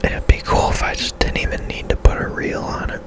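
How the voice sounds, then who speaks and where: In this ASMR-style gameplay clip, the creator speaks in a soft, breathy whisper. The pace is unhurried and the tone tentative, like someone quietly thinking aloud.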